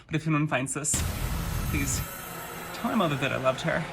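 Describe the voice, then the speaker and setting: A man's voice: on the high side, normal speed. A man playing a doomed young student in an amateur comedy skit, leaving an anguished, gasping last message. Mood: anguished, pleading. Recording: roomy, distant mic with clear noise.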